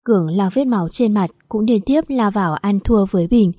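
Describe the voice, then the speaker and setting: A woman reads a story aloud at a steady, even pace. Her voice sits at a middling pitch, and the recording is dry and close to the mic. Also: moderate pace, no room sound. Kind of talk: scripted story narration.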